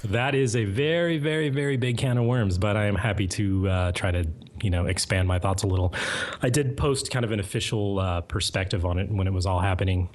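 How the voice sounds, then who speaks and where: A man, a guest mod author, giving long, even-tempered answers in a casual interview. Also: lowish voice. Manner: measured, hedging, lots of fillers.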